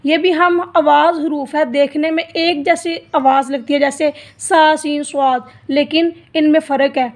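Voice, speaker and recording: A high-voiced woman gives a beginners' Quran reading lesson at an unhurried pace. She explains each group of letters patiently and stretches out their sounds to demonstrate them. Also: fairly even intonation. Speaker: Quran teacher. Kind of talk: slow step-by-step lesson.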